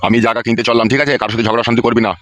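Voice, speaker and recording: A man doing a gruff village father-in-law. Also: medium pitch, flat delivery, rapid-fire, very noisy, natural voice. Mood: laying down rules. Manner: gruff, bossy. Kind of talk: comedy cartoon dub.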